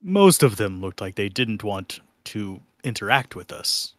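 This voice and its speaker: A man's voice: on the low side, big pitch swings, unhurried, no room sound, clean studio sound. A man playing a tabletop game, joking and laughing with the table. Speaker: player. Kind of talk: tabletop role-play.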